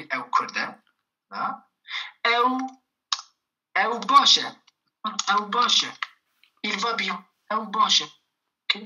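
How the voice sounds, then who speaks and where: A man's voice: sits high, bright, forceful tone, rough recording. A man teaching a language class online, patiently repeating each example and checking in with his students.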